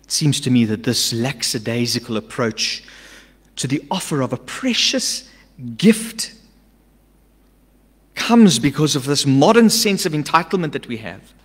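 Middle-aged pastor preaching, lively, reverberant hall. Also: male voice, mid-range voice, unhurried, husky. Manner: emphatic, swings between loud urgent lines and hushed asides. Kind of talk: sermon. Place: church stage. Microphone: stand mic at a pulpit. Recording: long church-hall reverb.

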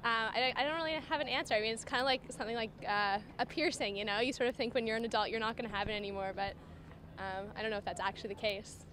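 A woman's voice: fairly high pitch, fast, fairly bright tone, a little hiss or hum. A young female student answering street interview questions outdoors in a thoughtful, hedging way. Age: young adult. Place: outdoors on campus.

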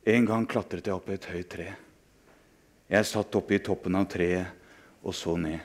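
A man with a low voice reads a passage from a novel aloud. He tells it in a hushed, dramatic way, letting the tension build in his voice. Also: steady tone. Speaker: author reading aloud. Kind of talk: dramatic reading of a novel excerpt.

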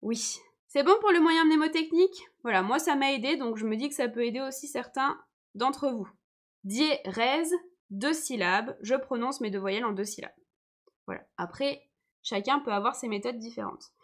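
A woman's voice: a little high, moderate pace. A young woman teacher giving a live online lesson, explaining patiently and often checking that her viewers follow.

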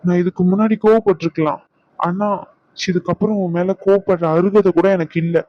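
A man voicing a young husband in a cartoon, speaking softly and reassuringly. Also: sits high, steady tone, brisk, no echo, muffled recording, close to an everyday voice. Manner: soft, reassuring. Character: young husband, gentle and remorseful.

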